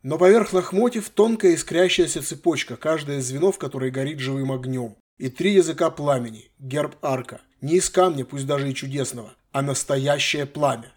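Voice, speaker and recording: Male audiobook narrator, measured, expressive, slightly high voice, fantasy novel.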